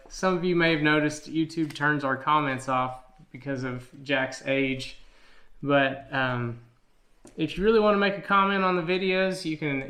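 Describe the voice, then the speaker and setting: With a bright, forceful voice on the high side, this middle-aged American dad helps present a family channel. He talks to viewers casually, plain and folksy. The audio has the echoey, roomy quality of a home recording.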